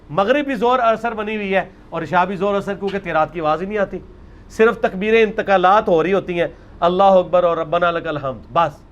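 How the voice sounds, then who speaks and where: A man with a high-pitched, fairly bright voice delivers a lecture on religious practice. He presses his argument with rhetorical questions and emphatic stresses.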